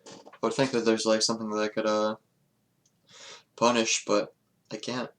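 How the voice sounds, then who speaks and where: A man's voice: lowish voice, completely flat delivery, moderate pace. A man streaming a chess game, thinking aloud in a casual, hesitant, muttering way. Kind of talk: casual live commentary while playing.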